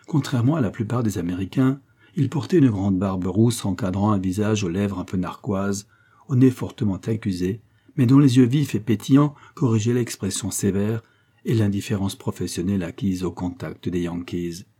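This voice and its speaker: A man reading a classic novel aloud as narrator, in measured, even storytelling. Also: lowish voice, husky. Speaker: audiobook reader. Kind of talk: scripted narration.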